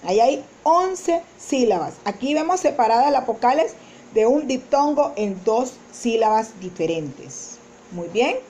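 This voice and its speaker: Woman teacher, high voice, slow and careful, sounds out verse lines syllable by syllable. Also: animated, dark tone, slight background noise. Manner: slow, explanatory, syllabifies example lines aloud. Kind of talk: spoken lesson on poetic meter.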